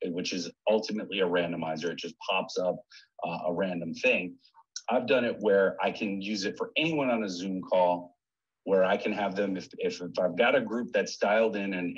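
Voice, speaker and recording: A deep, slightly husky male voice explains a screen-share tutorial in a friendly, patient, step-by-step way. He sounds like a webinar presenter talking into a computer microphone. The audio is dull and lo-fi.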